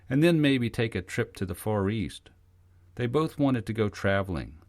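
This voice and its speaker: A man with a very low voice narrates an audiobook in a calm, even storytelling manner. The recording is dry and close, with no room sound. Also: no room sound. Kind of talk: scripted narration.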